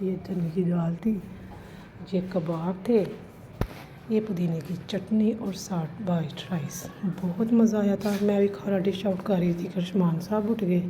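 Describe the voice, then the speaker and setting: A woman's voice: medium pitch, dark tone. Chatty woman vlogging her day. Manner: chatty, homely, addresses viewers as "ji". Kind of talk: casual vlog voice-over. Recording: slightly dull lo-fi recording with faint ambience. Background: faint household noise.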